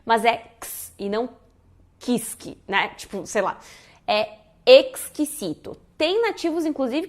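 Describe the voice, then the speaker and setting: Brief: woman from the south, language teacher, chatty and animated, slightly high voice. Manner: lively, demonstrates sounds, says "né?" often. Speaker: Spanish teacher. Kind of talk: casual pronunciation lesson.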